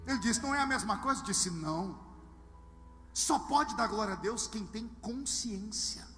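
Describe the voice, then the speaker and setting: A very high-pitched man from Brazil preaching a sermon in a big hall, where his voice trails off in a long reverb. Music plays clearly underneath as he tells humorous stories, acts out the dialogue, and swings from hushed tones to shouts. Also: animated, moderate pace. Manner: humorous storytelling with acted dialogue. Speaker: pastor.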